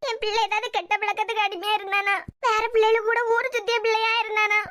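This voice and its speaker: A woman's voice: very high voice, fairly even intonation, fast, no room sound, clean studio sound. A woman with a Kanyakumari Tamil accent voicing a grieving, anxious middle-aged mother in a cartoon web series, lamenting tearfully.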